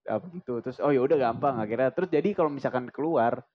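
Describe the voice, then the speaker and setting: A young man chats in fast, rambling bursts, full of fillers and slangy jokes. His voice sits at a middle pitch, and the podcast recording sounds slightly dull. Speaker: podcast co-host. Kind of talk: casual chat.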